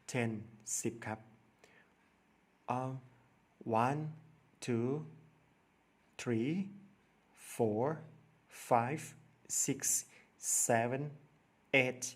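Male primary teacher, Thai accent, very slow deliberate delivery, spells and repeats words for kids. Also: medium pitch, fairly even intonation. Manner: spells letters one by one, repeats words for children. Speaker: primary school English teacher. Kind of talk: slow step-by-step lesson narration.

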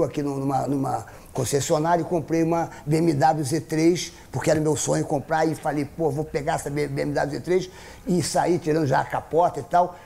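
A man's voice: on the high side, gravelly. A middle-aged man, a guest on a TV talk show, telling comic anecdotes and acting out the scenes. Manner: animated storyteller who acts out scenes.

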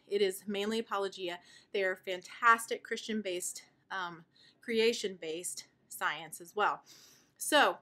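A woman in her thirties, a homeschooling mother, explaining her curriculum in a chatty, enthusiastic way while out of breath and sighing. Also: medium pitch. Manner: chatty and warmly enthusiastic, with fillers. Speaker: homeschooling mother and video host. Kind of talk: casual show-and-tell explanation.

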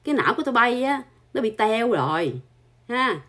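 A woman's voice: on the high side, very animated, a little fast, a bit bright. A woman, hosting her channel with an angry, scolding monologue full of insults and filler particles. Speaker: channel host.

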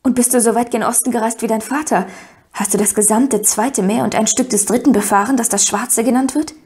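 A woman's voice: mid-range voice, fairly even intonation, brisk, dark tone, natural voice. A woman reading an audiobook, voicing an eager, curious thirteen-year-old girl who asks question after question. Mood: excited. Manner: breathless, pleading questions.

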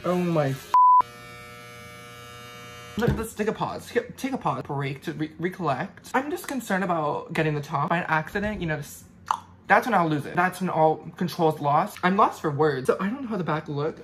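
A man's voice: on the high side, expressive, a little fast. A young man vlogging casually, dramatic and self-mocking, with frequent swearing. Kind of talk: casual vlog chat. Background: loud guitar music.

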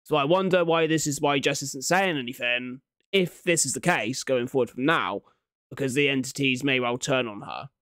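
This reaction video host is a young adult with a medium-pitched, slightly bright, smooth voice and a moderate pace. Recorded dry and up close on a big desk mic indoors at home, he reacts casually, using slang and swearing.

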